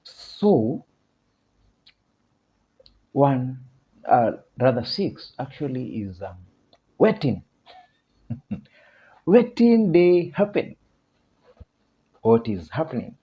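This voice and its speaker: A man with a Kenyan accent teaching a casual video lesson, chatty, laughing often and repeating phrases slowly. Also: mid-range voice, dull audio.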